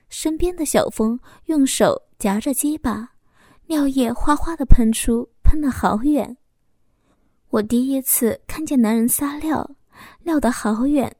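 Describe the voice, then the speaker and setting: A woman storyteller reading a story aloud in a soft, even, intimate way. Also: fairly high pitch, no echo, clean studio sound.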